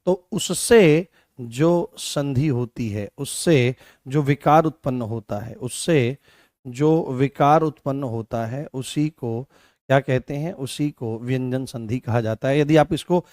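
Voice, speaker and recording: A man's voice: mid-range voice, takes it slowly, darkish tone, dry recording, studio quality. A man teaching a live online class, repeating key points and asking his students questions.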